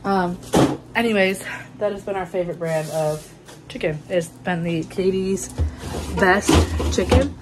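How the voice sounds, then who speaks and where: Filmed on a phone propped against the kitchen counter, a young female vlogger does a casual grocery haul at a measured pace. Her voice leans low, she frequently says "um" and starts over, and the recording is very noisy.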